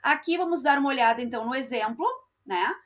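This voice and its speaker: A woman's voice: sits high, fast talker, a bit bright. A woman English teacher explaining step by step, stretching out example words and often checking in with her students. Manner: frequent checking tags like "tá?" and "né?". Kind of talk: classroom explanation.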